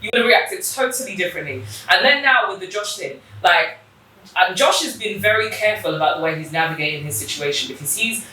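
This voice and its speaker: A woman talks in a lively, expressive way as a guest in a casual chat. Her voice sits a bit low but sounds bright. She is some distance from the mic in an echoey room. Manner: lively and expressive, quick reactions. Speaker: podcast guest.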